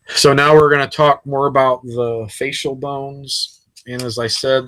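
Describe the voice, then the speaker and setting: An anatomy instructor gives a casual, chatty recorded lecture over slides while sitting, with frequent fillers. His voice is medium-pitched and a bit bright. The audio is poor, with no room sound.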